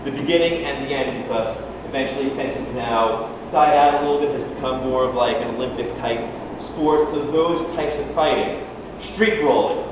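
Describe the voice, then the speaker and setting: A man's voice: mid-range voice, normal speed, few pauses. A man giving an explanatory spoken lecture as a fencing instructor, recorded from afar in a large, echoey room. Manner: explanatory, acting out short quotes. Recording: echoey hall, distant mic, tinny, noisy.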